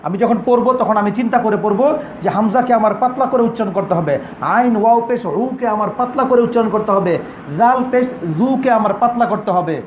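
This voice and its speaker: Male recitation teacher, high voice, patient syllable drills, echoey room with crowd noise. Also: brisk. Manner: drills sounds, repeats syllables, checks understanding. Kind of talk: Quran pronunciation class.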